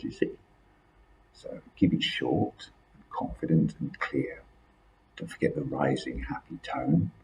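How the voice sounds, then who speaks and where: A British man with an extremely deep, low-pitched voice runs an informal spoken lesson as an accent coach. His intonation swings up and down with lively range, and he restarts phrases, doubling words as he goes. A faint hum of ambient noise sits under his voice. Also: gravelly, rough recording. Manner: repeats words and restarts, keeps asking "see?".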